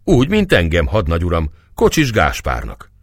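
A man's voice: low voice, wildly swooping pitch, slightly rough, dry recording, clean studio sound, full character voice. A man voicing a polite young blond soldier lad in a read novel. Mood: respectful.

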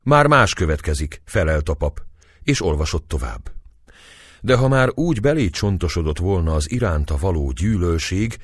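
A man reading a historical novel aloud in expressive storybook narration. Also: low voice, husky, no echo, clean studio sound. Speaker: audiobook reader.

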